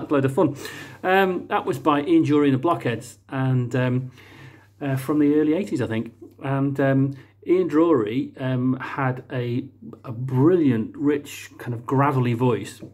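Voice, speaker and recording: Husky man in hesitant chat. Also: mid-range voice. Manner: hesitant, many ums and restarts. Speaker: amateur singer, channel host. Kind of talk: casual chat to camera.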